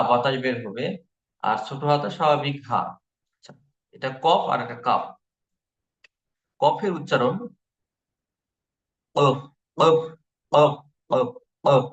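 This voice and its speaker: A man teaching Quran recitation in an online lesson, patiently repeating each letter sound slowly for learners. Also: medium pitch, fairly bright tone, echoey room.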